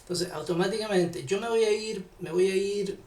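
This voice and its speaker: A man with a Chilean accent, teaching an English lesson, speaking patiently and deliberately to his learners. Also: high-pitched, a little mellow, reverberant. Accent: Chilean Spanish. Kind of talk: classroom lesson explanation.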